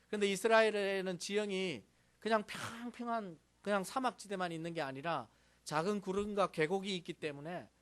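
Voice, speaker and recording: A male pastor delivering a sermon in a measured, explanatory way. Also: high-pitched.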